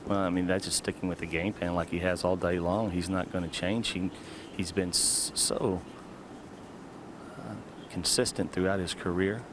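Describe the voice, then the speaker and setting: A man's voice: low-pitched, fairly even intonation, moderate pace. A man giving analysis as a golf commentator during a tournament. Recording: outdoor broadcast, clear ambient noise.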